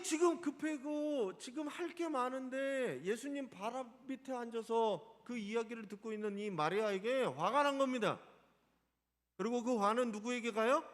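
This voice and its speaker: A man's voice: very high voice, normal speed, big-room sound. A male pastor preaching a Sunday sermon in a church sanctuary, asking the congregation questions. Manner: animated, asks the congregation questions.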